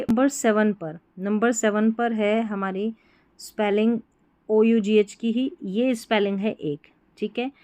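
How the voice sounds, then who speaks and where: A woman teaching English spelling and pronunciation, repeating each word slowly and quizzing the listener. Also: medium pitch, a little mellow, no room sound. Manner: repeats words and asks students to answer back.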